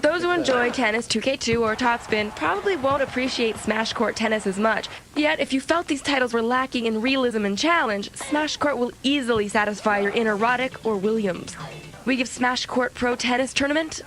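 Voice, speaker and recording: A woman's voice: a little high, moderate pace, a bit bright. Wisecracking woman hosting a game show. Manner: dry, wisecracking delivery. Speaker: TV show co-host. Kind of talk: scripted review narration.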